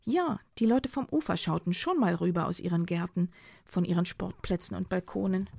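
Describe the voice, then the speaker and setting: A woman voicing a defiant, proud performance artist in an audiobook, with a husky, gravelly voice. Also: fairly low pitch, normal speed, darkish tone, dry recording, clean studio sound. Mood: explaining. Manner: defiant and indignant.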